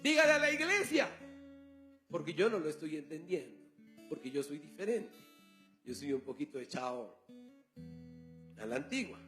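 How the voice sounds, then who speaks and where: High-voiced preacher man. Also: big pitch swings, normal speed, pauses often, fairly bright tone, soft background music. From Colombia. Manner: storytelling preacher, acts out dialogue. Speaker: pastor. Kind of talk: sermon.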